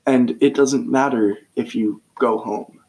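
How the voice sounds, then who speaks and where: Teen male podcast co-host, gravelly mid-pitched voice, relaxed and rambling. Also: a little slow, rough recording. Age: teens. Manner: relaxed, rambling, searches for words. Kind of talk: casual podcast chat.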